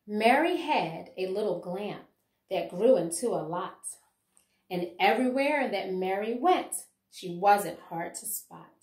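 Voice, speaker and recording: In a mid-range voice, a middle-aged woman educator gives a deliberate, expressive reading of a children's picture book. Her commentary is meant for both children and their teachers. She records indoors in a small home room, where the sound echoes.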